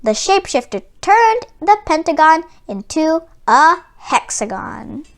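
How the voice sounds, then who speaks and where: A woman reading a children's book aloud in an expressive storytelling style. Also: high-pitched, measured pace.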